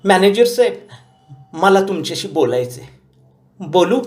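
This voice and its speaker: A man voicing a self-assured elderly grandmother, a former company executive, in a high, quavering old woman's voice for an audio story. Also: sing-song, measured pace, darkish tone. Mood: confident.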